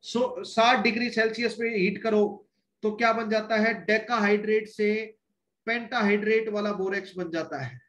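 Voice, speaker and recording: A man with a high voice lectures on chemistry. He works through each step and keeps asking his students rhetorical questions. The sound is roomy and echoing, like a bare classroom. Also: steady tone, moderate pace, a bit bright. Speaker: chemistry teacher.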